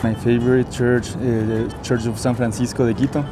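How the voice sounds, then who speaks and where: A man from Ecuador, casually recommending places as a local guide outdoors in a city. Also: mid-range voice. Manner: relaxed, explaining with pauses and "uh". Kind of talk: casual conversation. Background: background music.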